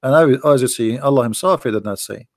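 A man from the Middle East, hoarse and losing his voice, insistently pressing rhetorical questions as host of an online debate. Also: mid-range voice, fast, no room sound.

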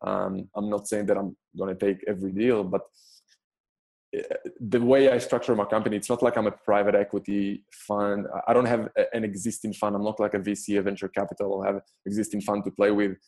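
An Israeli man in his thirties, not an English speaker, talks through his answers in a low, warm, rounded voice. He stops and restarts often, repeating words as he looks for the phrase, in an unhurried conversational way. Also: little pitch movement. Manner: halting, frequent restarts and stammered repeats, non-native phrasing. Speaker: podcast guest, business investor. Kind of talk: casual interview answers.

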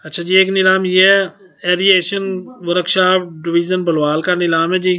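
A man's voice: high-pitched, level tone, moderate pace, bright, forceful tone, highs cut off. A man hosting his own channel, plainly reading out auction notices and tacking a polite "ji" onto most sentences. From Pakistan. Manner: plain, repeats "ji" often. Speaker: channel host.

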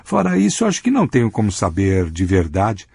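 Brief: narrator as a reserved grown man, low and husky. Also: wildly swooping pitch, a little fast, darkish tone, no echo, heavily acted. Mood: thoughtful. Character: grown man, quiet and thoughtful.

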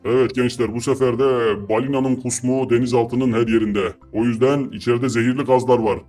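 Brief: a man as a bossy sub captain barking quick orders, mellow voice. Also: mid-range voice, level tone, faint music behind, natural voice. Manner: hurried orders. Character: bossy submarine captain, male adult.

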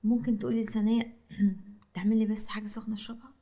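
Ill gentle young woman, flat delivery, mellow tone, faint music. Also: fairly high pitch, racing, breathy edge. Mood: weary. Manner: soft, reassuring, weary. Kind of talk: TV drama acting.

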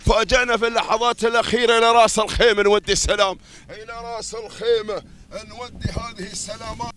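A man with an Emirati Arabic accent giving live camel race commentary in a rapid, chanting delivery that repeats its phrases. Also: high voice, lively intonation, fairly bright tone.

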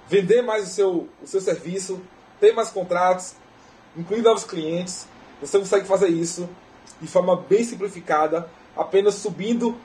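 Brazilian male tech lecturer, high pitch, chatty explainer style. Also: a little mellow, poor audio. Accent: Brazilian Portuguese. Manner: conversational, often tags "né?" and restarts phrases. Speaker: technical lecturer. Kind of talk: technical lecture. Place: conference lecture hall.

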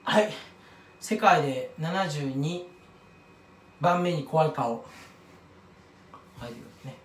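A man's voice: on the high side, lively intonation, extremely slow, far from the mic. Rambling, self-mocking man in a roomy echo. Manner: self-mocking, rambling tangents, stumbles over words. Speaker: YouTuber commenting on another creator. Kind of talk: casual rambling monologue.

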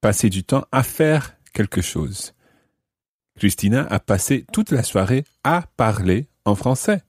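A man's voice: fairly low pitch, expressive, measured pace, husky, dry recording, studio quality. A man hosting a podcast grammar lesson, explaining patiently and step by step. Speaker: language teacher.

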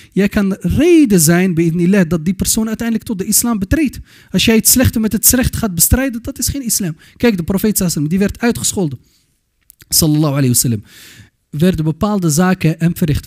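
A man lectures young listeners in an earnest, admonishing way, slipping Arabic phrases into his speech. His voice sits a little high for a man, yet it sounds dark and mellow. He often stops and restarts his words as he goes. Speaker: Islamic youth lecturer. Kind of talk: religious lecture.

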